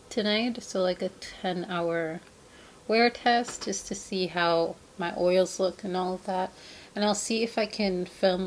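A woman's voice: medium pitch, a little hiss or hum. Chatty young woman vlogging a makeup review. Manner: chatty, with frequent "um" fillers. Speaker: beauty vlogger. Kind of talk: casual makeup review vlog. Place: home room indoors.

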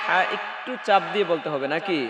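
High-voiced man drilling Arabic letters. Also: fast talker, very noisy. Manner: drills letters aloud, repeats sounds, prompts students to say them again. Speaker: Quran recitation teacher. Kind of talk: teaching Arabic letter pronunciation to a class. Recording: echoey room with music underneath.

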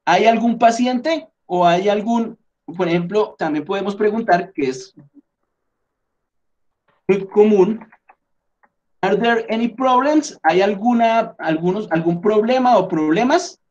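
A man's voice: sits high, measured pace, a little mellow, muffled recording. A man teaching English in Spanish, explaining step by step, checking in often and correcting himself as he edits on screen. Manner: patient, step-by-step explaining with frequent check-ins; thinks aloud and corrects himself while editing on screen. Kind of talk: online lesson explained in Spanish.

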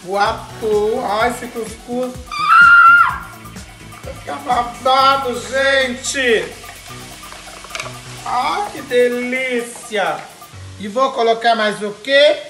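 Music plays in an echoey home kitchen as a middle-aged cooking show host with a Brazilian Portuguese accent gives a casual demonstration. Her slightly high voice draws out words and pauses often, and her campy, flamboyant delivery brims with slang and playful exclamations.

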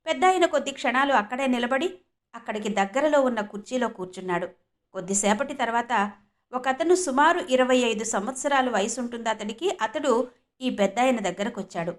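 A woman narrating a scripted story in a plain, steady reading manner. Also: a little high, fairly quick.

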